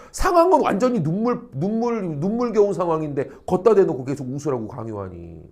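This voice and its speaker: In an academy classroom, a middle-aged man delivers a high school social studies lecture at a moderate pace. His voice is fairly high for a man and swings wildly up and down as he acts out quoted people. Very animated, he keeps checking in with the class through rhetorical questions and drops salty slang.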